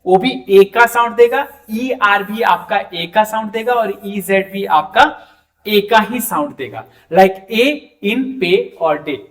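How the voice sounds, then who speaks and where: Male teacher, high voice, deliberate pace; quizzes the class as he explains; mic set back from him. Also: fairly bright tone, recorded from a distance. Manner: explains slowly, asks students questions. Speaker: French teacher. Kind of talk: classroom lesson.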